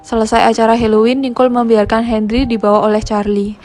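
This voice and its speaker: Woman, film recap narration, steady, slightly high pitch. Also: fast. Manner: plain, steady retelling with a brief casual aside at the end.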